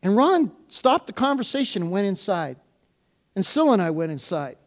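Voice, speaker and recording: A middle-aged man, a pastor, preaching a sermon and telling a personal story, acting out the dialogue with lively delivery. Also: high voice, normal speed.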